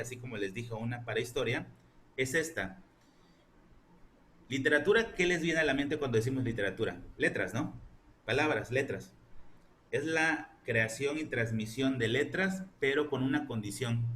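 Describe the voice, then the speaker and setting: A man's voice: mid-range voice, fairly bright tone, a little hiss or hum. A man teaching a literature class online, explaining step by step and asking his students rhetorical questions.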